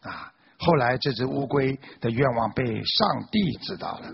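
A man's voice: medium pitch, moderate pace, creaky, husky. A man preaching a moral sermon, exhorting listeners and telling a fable. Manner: animated, exhorting. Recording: dull lo-fi recording.

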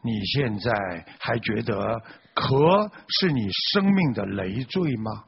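A man voicing a god who speaks gravely and heavily to a chastened turtle. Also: medium pitch, lively intonation, slow, long reverb tail, full character voice. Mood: solemn. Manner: grave and admonishing. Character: solemn god, sighing and heavy-voiced. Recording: dull lo-fi recording.

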